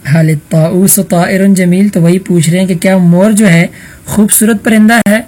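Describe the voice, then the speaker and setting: A man leads an online Arabic vocabulary class in a husky, slightly breathy voice. His tone is mellow and warm, and he patiently quizzes students one by one. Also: high voice, steady tone. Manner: patient, calls on students by roll number. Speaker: teacher.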